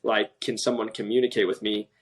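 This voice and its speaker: A man chatting on a remote podcast call, telling a work story in an animated way and quoting other people, a self-described passionate talker. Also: fairly low pitch, fairly quick. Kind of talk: casual podcast conversation.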